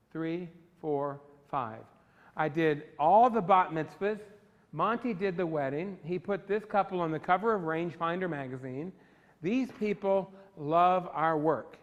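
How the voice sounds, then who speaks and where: An enthusiastic man leads a photography workshop and keeps turning to his class with questions. His voice sits a little high for a man. The sound rings with the long reverb of a big studio classroom. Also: muffled recording. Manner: enthusiastic, talks to the class directly. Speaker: photography instructor. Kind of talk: live workshop lecture. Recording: long reverb in a large room.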